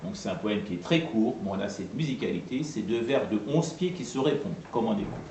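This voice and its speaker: A man's voice: fairly low pitch, expressive, warm tone, recorded from a distance, a little hiss or hum. Man lecturing in an echoey room. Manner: patient, repeats and spells out terms, pausing often. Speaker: lecturer on poetry translation. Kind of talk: explanatory talk to an audience.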